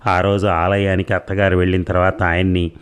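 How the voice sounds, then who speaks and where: A man narrating a first-person audio story with a measured, steady reading. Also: low voice, clear, resonant tone.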